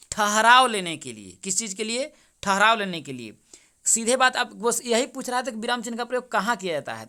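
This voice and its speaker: A man's voice: high-pitched, sharp tone. A young man solving an exam paper as a teacher, asking each question back to his listeners and repeating the answer. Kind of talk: exam paper solution lesson.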